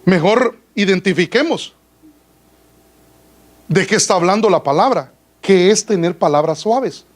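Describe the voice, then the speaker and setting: A man's voice: high-pitched, animated, measured pace, rough recording. A man pastor preaching a sermon in a church, asking the congregation questions and calling them brother. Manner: addresses listeners as brother.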